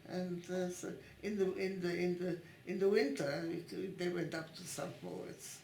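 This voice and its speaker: A woman in her nineties, born in Italy and raised in Italy and Switzerland, recalling her past in an oral history interview at her home, speaking haltingly and restarting often as she searches for words. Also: lowish voice, fairly even intonation, gravelly, dark tone, slight background noise. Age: 90s. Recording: roomy echo in a home.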